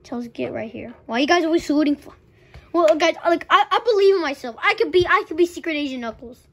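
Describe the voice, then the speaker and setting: A hot-headed male echidna plush, played by a woman in a homemade toy adventure. The voice sits high and breaks into dramatic shouts and wails. Boastful and quick to get upset. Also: lively intonation. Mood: stubborn.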